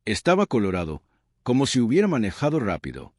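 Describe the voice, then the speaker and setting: A man's voice: medium pitch, wildly swooping pitch, fairly quick, no echo, studio quality. An older man with a Rioplatense Spanish accent, narrating a scripted story in a reflective, earnest way.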